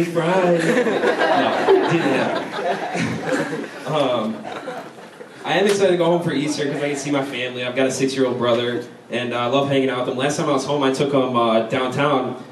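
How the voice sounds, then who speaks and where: A young adult American stand-up comedian from Chicago performs a set at a university venue, his mid-range voice rapid-fire and his delivery casual and conversational, with frequent use of "like." The live room recording is echoey, distant and noisy, with crowd laughter audible.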